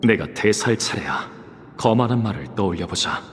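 An actor playing a young student hero in a game, thinking aloud in a low-key, thoughtful inner monologue. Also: male voice, lively intonation, moderate pace, big-room sound, slight background noise, natural voice. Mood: calm, deliberating. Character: young male student hero musing inwardly before his lines. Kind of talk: anime-style game voice acting.

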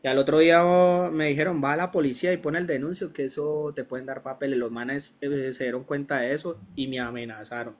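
Speaking somewhat high and briskly with hardly any pauses, this young Colombian man, accent and all, recounts his story as a casual interview guest. He's lively and full of slang, performing the lines of dialogue as he goes.

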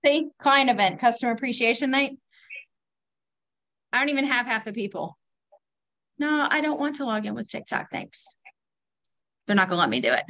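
A woman, encouraging and animated, showing social media tips on a casual group video call. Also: on the high side, normal speed, pauses often.

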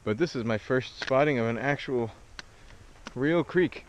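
On a mountain trail, a young thru-hiker speaks a little slowly in a medium-pitched voice, vlogging casually into an arm's-length action camera. He's relaxed and jokes at his own expense, laughing at himself and running out of breath on climbs, while the outdoor camera mic catches background noise.

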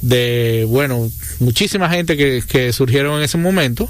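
A man's voice: medium pitch, normal speed. A middle-aged man from Nicaragua, a guest chatting casually in an interview, rambling with many fillers and restarts. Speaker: guest, venue co-founder.

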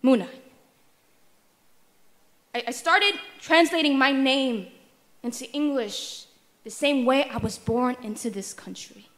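A young woman performing a spoken word poem at a stand microphone in a wood-paneled hall, rhythmic and emphatic, with deliberate stammered repetitions. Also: high-pitched.

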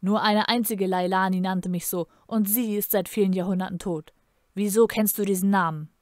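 A woman's voice: medium pitch, steady tone, normal speed, no room sound, studio quality, natural voice. A woman reading aloud and voicing a cruel, imperious male emperor in a menacing, commanding tone. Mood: cold, probing. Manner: menacing, commanding, bursts into furious shouting.

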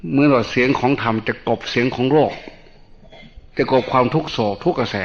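A male Buddhist monk, calmly explaining meditation in a dharma talk and mixing in English terms. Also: medium pitch. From Northeast Thailand. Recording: dull lo-fi recording.

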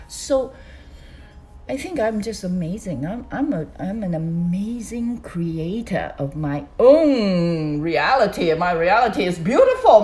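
Older woman vlogger from Hong Kong, slow and animated, lively swooping pitch, close phone mic. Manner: animated, gesturing with both hands, swooping pitch. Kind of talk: casual monologue to camera. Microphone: phone on a stand close to her.

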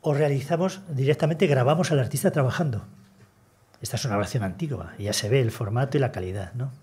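An older man, a conservator, gives a seminar talk while seated at a table in a conference room. His medium-pitched voice is mellow and a little breathy, and he explains things in a measured way with many hesitations.

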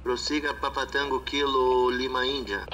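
A man's voice: mid-range voice, little pitch movement, moderate pace, highs cut off. A man playing an air traffic controller, heard over a cockpit radio and using formal radio procedure talk. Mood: stern. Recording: distant, noisy film audio.

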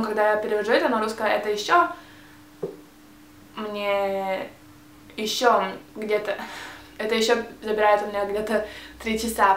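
Speaking Russian as a second language with a Hebrew accent, a young woman films a casual tag video and often hesitates and restarts words. Her medium-pitched voice reaches a camera mic as she sits facing it in a small, bright indoor room, and the sound is roomy with a little hiss or hum.

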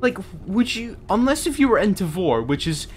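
A man's voice: high-pitched, big pitch swings, moderate pace, a little mellow, husky, faint music behind. A young man streamer in casual, rambling chat who often stops and restarts his words.

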